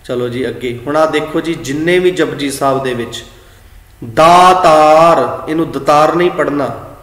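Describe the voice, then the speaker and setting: A man with a Punjabi accent teaching scripture pronunciation, slow and deliberate, drawing out words and chanting lines in a sung tone. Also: mid-range voice. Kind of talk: slow religious teaching talk. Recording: echoey room with long reverb.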